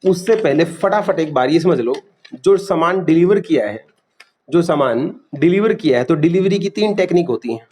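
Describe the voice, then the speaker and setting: A man's voice: on the high side, expressive, normal speed, darkish tone, husky. A man teaching a class, quizzing students and repeating key terms. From India. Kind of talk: classroom lecture.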